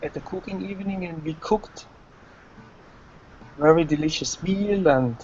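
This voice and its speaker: A man learning English who talks in a halting way and searches for words while telling a story. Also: fairly high pitch, darkish tone, muffled recording, a little hiss or hum. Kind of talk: casual class chat.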